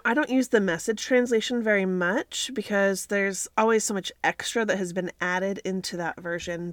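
A woman's voice: mid-range voice, no echo, studio quality. A woman hosting a faith podcast, talking in an earnest, chatty way while recording inside a home clothes closet on a computer microphone. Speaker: podcast host. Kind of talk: casual faith podcast talk.

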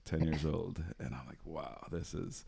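A man in his forties, raised in Trinidad, speaking with a very low voice as a guest in a relaxed interview. He chuckles a lot and fills his thoughts with ums and false starts. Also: unhurried, gravelly, slightly rough. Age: 40s. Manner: laughs often, many ums and restarts. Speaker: physician and AI researcher, guest. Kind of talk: casual interview talk.

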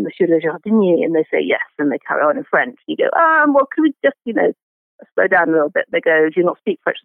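A man with a high-pitched voice talks gardening as an interview guest, stumbling through restarts and fillers. The sound is thin and phone-like, and dry. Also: no echo. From Britain. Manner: halting, many restarts and fillers. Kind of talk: conversational interview. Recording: phone-like remote line.

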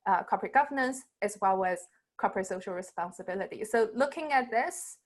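Casting: female webinar host, mid-pitched, loose and filler-heavy, speaking over a video call. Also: expressive, brisk. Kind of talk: introducing a guest in a webinar.

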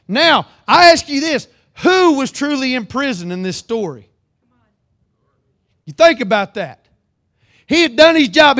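A man preaching a sermon, reading scripture aloud and calling for amens, swinging between loud emphatic lines and low earnest ones.

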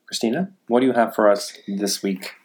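A man's voice: fairly low pitch, a little fast. A man hosting a podcast in a casual conversational style, introducing segments and chatting with his co-host.

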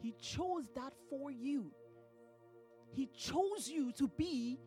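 A woman's voice: high voice, lively intonation, takes it slowly, mellow, faint music behind. A woman minister preaching a sermon in a church, building emphasis and breaking into laughter now and then. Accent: non-American English.

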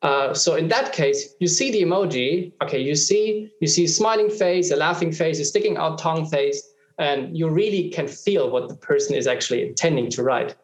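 A man's voice: on the high side, expressive, normal speed, hardly any pauses. Man explaining in a roomy echo. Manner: explains patiently, many filler ums and restarts. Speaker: guest expert. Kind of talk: explanatory conversation.

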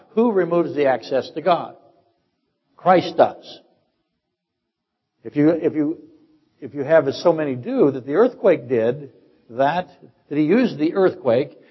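Preaching in a church sanctuary, an older man uses rhetorical questions one after another to instruct his congregation. His voice is a little high and slightly rough. The sermon recording is dull and full of echo.

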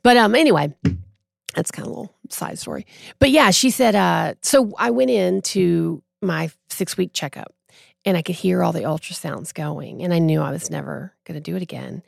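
A woman in her forties, a podcast guest, telling a personal story in a casual, animated way and acting out what others said. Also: lowish voice, moderate pace, creaky, no echo, studio quality. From Texas. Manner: animated, acts out quoted voices.

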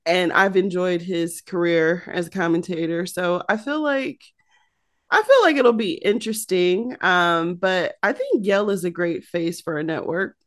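A woman's voice: fairly low pitch, measured pace. An American woman co-hosting a casual chat podcast, talking chattily with many "um"s and "you know"s. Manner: chatty, uses many fillers. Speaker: podcast co-host.

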